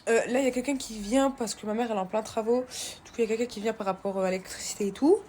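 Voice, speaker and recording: Higher-pitched young woman vlogging casually. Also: steady tone, rapid-fire, dark tone, slight background noise. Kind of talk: casual diary vlog.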